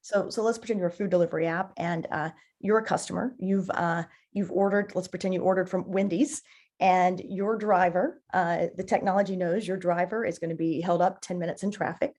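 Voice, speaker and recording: Appearing as a guest on a marketing podcast, a woman explains things with conversational enthusiasm in a lowish, slightly mellow voice with fairly even intonation. She repeats words haltingly while gathering her thoughts.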